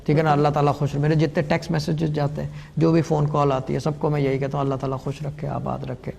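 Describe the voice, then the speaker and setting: Calm gravelly-voiced male spiritual guide. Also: fairly high pitch, long reverb tail, slight background noise. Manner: calm, unhurried explaining with English words mixed in. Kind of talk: call-in show advice.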